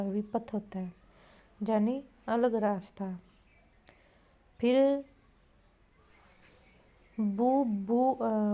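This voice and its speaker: A woman's voice: medium pitch, mellow, lo-fi sound. A woman teaching Hindi spelling to exam students, repeating each word and quizzing the class. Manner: repetitive, drilling, asks students questions.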